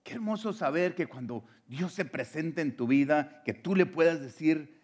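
A man's voice: on the high side, expressive, moderate pace, a little mellow. A man preaching a sermon. He speaks earnestly and directly to his listeners, often restarting words, and grows more fervent and emphatic.

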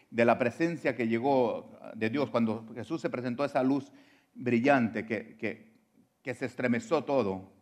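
A man preaching a sermon. He speaks earnestly and directly to his listeners, often restarting words, and grows more fervent and emphatic. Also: a little high.

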